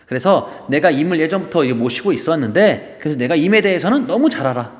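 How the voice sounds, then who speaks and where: A high, animated male teacher walks students through a classical poem and slips into playful everyday retellings as he goes. His pitch swings widely, and a long reverb hangs on every word. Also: quick pace. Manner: explains the poem with playful modern paraphrases. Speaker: Korean literature teacher. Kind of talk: classroom-style lecture.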